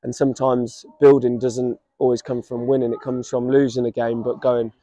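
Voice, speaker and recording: A man in his thirties with an English accent, a football manager giving a measured, reflective post-match interview outdoors at a stadium. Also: medium pitch, flat delivery, warm tone, no room sound. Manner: reflective, measured, many restarts. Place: outdoors by a stadium running track. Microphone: camera at standing distance.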